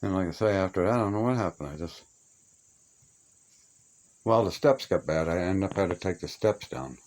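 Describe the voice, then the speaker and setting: Here the older man sounds deep, a little mellow, and animated, speaking a little fast. He reminisces casually in plainspoken, folksy talk with homespun grammar while showing his radio collection in a small upstairs room being taken down to the studs.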